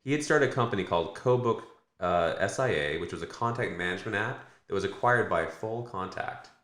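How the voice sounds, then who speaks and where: A very deep-voiced American man talks quickly on a podcast, looping through fillers and restarts as he works out his points. The sound carries the echo of a live room. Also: lively intonation, fairly bright tone. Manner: rambling, self-correcting, many fillers. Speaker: podcast co-host. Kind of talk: casual podcast chat.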